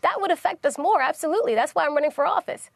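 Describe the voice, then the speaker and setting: A woman speaking as a political candidate in a televised panel debate, explaining her position in a measured, defensive way. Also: high voice, animated, vocal fry, dry recording. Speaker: political candidate on a TV talk show.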